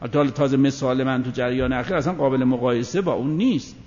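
A man giving a religious lecture on Quranic verses, animated, asking rhetorical questions and swinging between loud and soft delivery. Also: medium pitch. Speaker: preacher. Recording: dull sound with long hall reverb.

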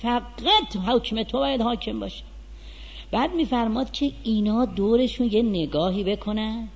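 A man delivers a religious sermon in a high voice, posing rhetorical questions and rising to emphatic peaks. His voice carries a long reverb, as if spoken in a large hall. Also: vocal fry, a little mellow. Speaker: cleric preacher.

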